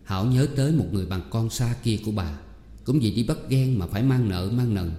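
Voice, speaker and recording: A man reading a novel aloud as a steady narrator. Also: on the low side, fairly quick. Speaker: audiobook narrator. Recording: roomy hall echo, faint music.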